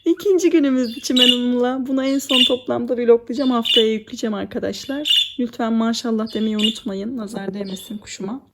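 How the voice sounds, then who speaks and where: A woman's voice: on the high side, steady tone, fairly quick, hardly any pauses, heavy background noise. A young woman in a casual home vlog, cooing and baby-talking to her pet budgie between chatty asides to viewers. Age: young adult. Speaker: vlogger. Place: home room at night.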